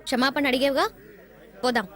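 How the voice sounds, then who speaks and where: A woman's voice: high voice, fairly even intonation, a little fast, a bit bright, a faint crowd. A defiant young woman. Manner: defiant, scolding. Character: headstrong young woman, stubborn and scolding. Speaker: film character, student daughter. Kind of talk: Telugu film dialogue.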